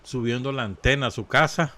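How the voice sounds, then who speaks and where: A man's voice: medium pitch, fairly quick, pushed and bright. A man with a Nicaraguan Spanish accent, co-hosting a radio show in unscripted current-affairs chat.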